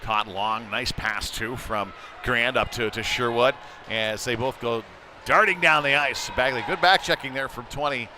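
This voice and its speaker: A man calls a live ice hockey game in short, clipped fragments, his medium-pitched, mid-range voice moving a little slowly. Loud rink noise stays clearly audible behind him throughout.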